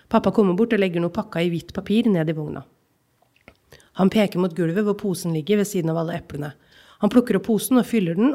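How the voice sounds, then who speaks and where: A woman's voice: lowish voice, darkish tone. A woman hosting a live literature podcast before an audience at a library, talking with many filler sounds and then reading a book excerpt aloud. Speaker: podcast host.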